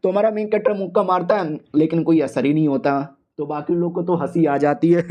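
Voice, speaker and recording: A man's voice: on the high side, steady tone, brisk, warm tone. A man narrating a comic manhwa recap in a slangy, joking way, briefly acting out the figures' lines himself.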